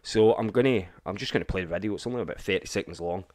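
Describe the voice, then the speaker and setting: A man's voice: low voice, very fast, a little mellow, dry recording, clean studio sound. A Scottish man ranting sarcastically over a political clip, swearing and mocking as he reacts. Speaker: commentary vlogger.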